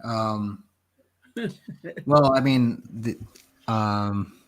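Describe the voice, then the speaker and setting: A man in casual discussion, speaking in a hesitant, halting way. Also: on the low side. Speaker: guest panelist.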